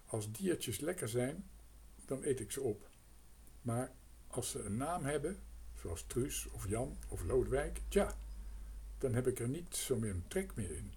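A man's voice: medium pitch, sing-song, a little slow, mellow, slightly rough, exaggerated voice. A man doing a rambling hungry crow. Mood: musing. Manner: rambling, hesitant. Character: hungry talkative male crow.

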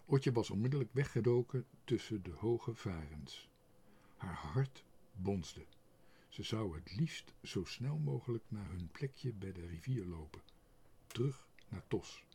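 A man reading a children's book aloud, expressive and sometimes dropping to a whisper. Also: lowish voice, measured pace, breathy edge. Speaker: narrator.

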